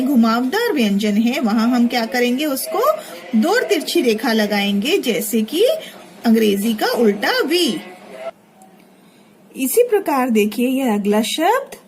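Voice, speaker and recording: एक महिला शिक्षिका बच्चों को हिंदी की वर्तनी सिखा रही हैं, हर शब्द धीरे-धीरे और धैर्य से बार-बार बोलकर।. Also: female voice, high voice, a little hiss or hum. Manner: slow, patient, repeating each word aloud. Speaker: teacher. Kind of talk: Hindi spelling lesson for children.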